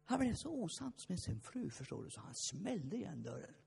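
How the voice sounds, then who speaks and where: A man's voice: high voice, big pitch swings, creaky, darkish tone, slightly rough. A man preaching a fervent sermon, telling stories and acting out the voices in them. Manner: fervent, storytelling, acts out voices. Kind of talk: lively sermon with shouted peaks. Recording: long hall reverb.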